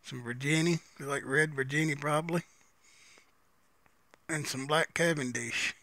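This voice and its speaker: A man's voice: a little high, fairly even intonation, measured pace, bright, forceful tone, no room sound. A man giving a casual, unscripted, folksy review, musing and repeating phrases as he smokes a pipe between them. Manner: talks while smoking a pipe between phrases.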